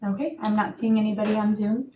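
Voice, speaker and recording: A woman's voice: mid-range voice, fairly even intonation, quick pace, dark tone. A woman working as a meeting clerk, speaking procedurally and reading documents aloud, in a roomy recording with faint noise. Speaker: meeting clerk or staff member.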